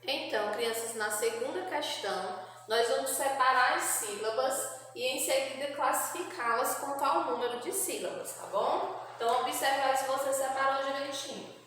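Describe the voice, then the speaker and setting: A woman with a Brazilian Portuguese accent, a primary school teacher slowly and patiently explaining a lesson to children. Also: high-pitched, a bit bright, a little hiss or hum. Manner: patient, spells out syllables, asks checking questions. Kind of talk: slow remote lesson for children. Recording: echoey room with long reverb.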